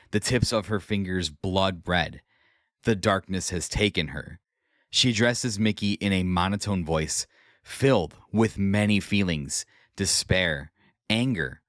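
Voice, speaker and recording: A man's voice: deep voice, a bit bright, no room sound, clean studio sound. A man hosting a podcast, narrating a scripted recap of a game story with casual asides. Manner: conversational asides in a scripted read. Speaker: podcast host.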